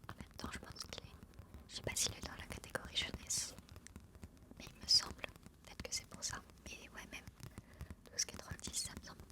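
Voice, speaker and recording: Lady doing asmr book talk, soft library whisper, takes her time. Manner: soft, hushed, unhurried delivery, reading blurbs and commenting. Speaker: ASMR book channel host.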